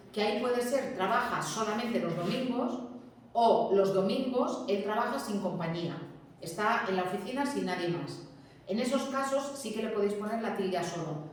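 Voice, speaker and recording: Spanish-woman teaching a class, patient, keeps checking in, mid pitch, big echoey room, faint background hum. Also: darkish tone. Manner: patient, explanatory, checks in with students. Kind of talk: classroom lesson. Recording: very echoey room, distant mic.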